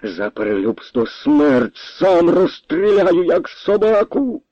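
A frantic Cossack captain, dishevelled and enraged, voiced by a man reading a story. He shouts harshly, leaping high in pitch. The sound is dry and close, a little dull. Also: big pitch swings, takes it slowly, vocal fry, no echo, full character voice. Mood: furious. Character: furious male Cossack captain, wild and desperate father.

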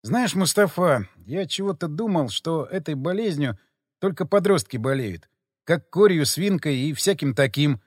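A man's voice: on the high side, expressive, moderate pace, dry recording. A man voicing a tired, wry young man who sighs through his words, in a dry close recording. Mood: weary, wry. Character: weary, lovesick, hungover young man.

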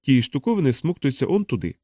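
A man reading as a calm, curious male expedition doctor who explains things steadily in an audiobook. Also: medium pitch, fast talker, slightly rough, dry recording, clean studio sound.

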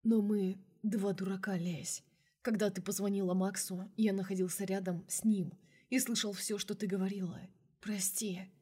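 A remorseful young man pleads softly and earnestly in an audiobook, read by a woman. His tone is tender and low-key, sitting at a middle pitch with no strain. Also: fairly even intonation, moderate pace, slightly rough, natural voice. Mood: whispered. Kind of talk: audiobook character reading.

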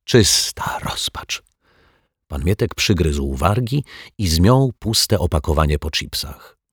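A man narrating a children's story in a lively, expressive reading. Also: low voice, a little slow, slightly rough, no room sound, studio quality.

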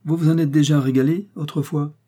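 A man voicing a shrewd, blunt older village mayor from Normandy, lecturing his son-in-law in a dark, husky voice. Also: on the high side, fairly even intonation, fairly quick, voice pushed up. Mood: stern.

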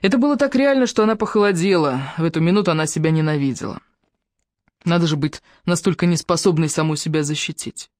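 Audiobook narrator, mid pitch, even storytelling, dry studio. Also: fast talker, no echo. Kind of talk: scripted novel narration.

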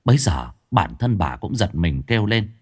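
A man narrating a ghost story in an expressive, suspenseful way. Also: moderate pace, background noise. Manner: expressive, swinging pitch for suspense.

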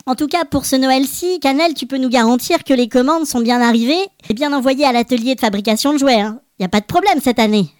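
A woman acts out a little boy Christmas elf hosting a podcast for children. The voice is high and playful, full of cheery exclamations. The sound is dry, with no room around it. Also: fast talker, hardly any pauses, darkish tone, no room sound, lightly acted. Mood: cheerful. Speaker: podcast host.

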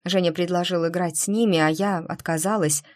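Anxious young female violinist, low voice; read by a woman. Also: steady tone, brisk, natural voice. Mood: flustered. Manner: flustered, shaken.

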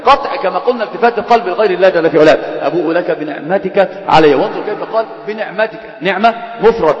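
A male sheikh with an Egyptian accent teaches a classroom religious lesson at a breakneck clip, his voice set fairly high. He keeps firing questions at his students and needling them, switching between formal and colloquial speech. The sound is dull and carries a long hall echo. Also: quick pace. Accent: Egyptian Arabic.

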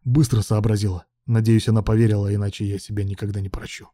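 A man's voice: lowish voice, little pitch movement, quick pace, warm tone, dry recording, clean studio sound, close to an everyday voice. A man voicing a desperate young man who speaks tensely and with defiance.

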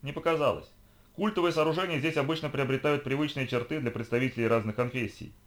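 A man voicing a bold, bossy young girl who guides her companion, in a brisk, commanding way. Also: mid-range voice, voice pushed up, close to an everyday voice. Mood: instructive.

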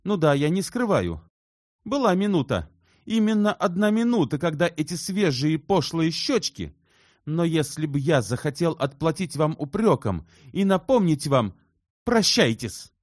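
A man doing a shrill, hot-tempered young sculptor. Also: sing-song, moderate pace, a little mellow, dry recording, studio quality. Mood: heated. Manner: heated, shrill outbursts. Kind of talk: audiobook character reading.

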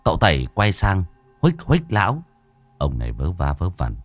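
A man narrates a ghost story with an expressive, dramatic reading. His voice is very deep and swings widely in pitch. The sound is close and dry. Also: moderate pace, dry recording, soft background music.

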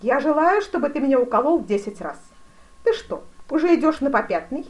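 Woman voicing a loud, excitable grand duke. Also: high-pitched, brisk, pitched above the performer's own voice. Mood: eager. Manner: loud, commanding, excitable shouts. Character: imperious hot-tempered grand duke, adult man. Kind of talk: audiobook character reading.

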